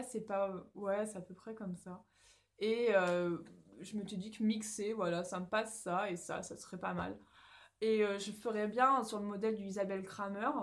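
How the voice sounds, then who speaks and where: A young French woman chatting casually to her camera about knitting, rambling with lots of fillers and restarts, recorded at home on a phone or camera. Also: medium pitch. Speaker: knitting vlogger.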